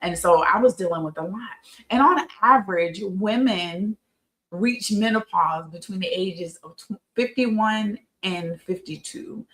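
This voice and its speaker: A fifty-year-old woman hosts a women's health talk show, giving an informal educational talk in a conversational, emphatic style and repeating phrases for stress. Her medium-pitched voice is unhurried and a bit bright, though the recording is rough.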